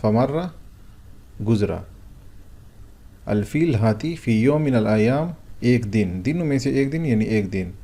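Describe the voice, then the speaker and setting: A man's voice: medium pitch, animated, pauses often, mellow. A man teaching a vocabulary lesson, explaining words one at a time with frequent hesitant fillers and asking and answering his own questions. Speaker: Arabic teacher.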